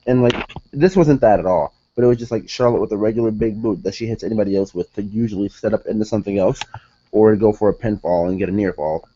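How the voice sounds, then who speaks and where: Rambling, exasperated young man, low voice. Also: quick pace, mellow, highs cut off, slight background noise. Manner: rambling, self-correcting, exasperated. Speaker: wrestling show reviewer. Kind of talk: casual solo review commentary.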